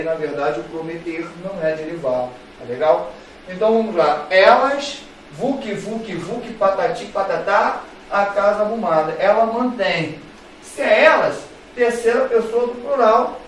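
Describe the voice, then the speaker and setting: Man, Brazilian accent, teacher, playful, high voice, very echoey room, faint background noise. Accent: Brazilian Portuguese. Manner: playful, repetitive, addresses students directly. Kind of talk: classroom grammar lesson. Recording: very echoey room, voice far from mic.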